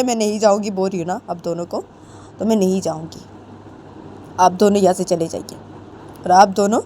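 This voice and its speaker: A woman's voice: medium pitch, dark tone, a little hiss or hum, natural voice. A woman voicing a stubborn young woman who refuses to leave, speaking in raised, insistent declarations.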